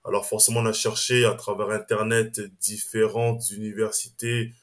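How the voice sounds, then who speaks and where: A man's voice: lowish voice, little pitch movement, moderate pace. Hesitant man, podcast guest. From Strasbourg, France. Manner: hesitant, restarts phrases, says "on va dire" often. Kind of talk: casual interview chat.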